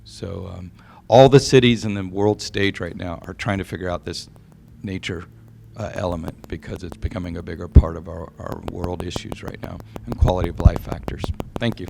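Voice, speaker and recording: A man presenting recommendations to a city audience in a measured, advisory way, with some fillers. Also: sits low, fairly even intonation, vocal fry, noisy background.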